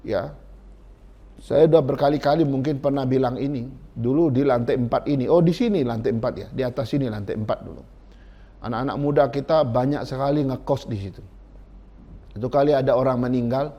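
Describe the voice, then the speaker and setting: A man's voice: mid-range voice, dark tone, highs cut off. A male pastor preaching a sermon in a church, telling stories dramatically and addressing the congregation directly. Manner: dramatic storytelling, addresses listeners as brothers and sisters.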